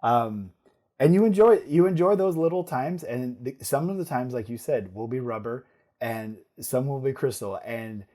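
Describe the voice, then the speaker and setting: Mellow-voiced middle-aged man telling stories. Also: mid-range voice, normal speed. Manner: animated storytelling with restarts and laughs. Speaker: guest, surgeon and father. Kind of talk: casual podcast conversation.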